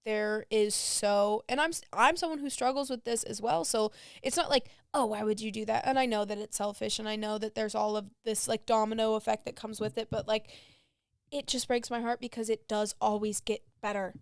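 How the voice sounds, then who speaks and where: A woman's voice: on the high side, fairly even intonation, normal speed, clean tone, dry recording, clean studio sound. A woman in her twenties co-hosting a podcast, chatting casually, laughing often and acting out her own worried thoughts. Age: 20s. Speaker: podcast co-host. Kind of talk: casual chat.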